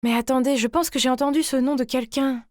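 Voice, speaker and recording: A woman narrates a scripted animated story in the first person, her fairly high voice theatrical and expressive like a teenage girl telling her own drama. She speaks fairly quickly, and the recording is very dry with no room around it.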